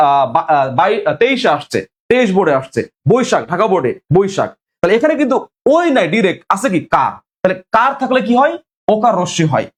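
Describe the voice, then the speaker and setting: Running an online lesson to prepare students for exams, a high-pitched young man quizzes them with questions he asks again and again. He also urges viewers to comment.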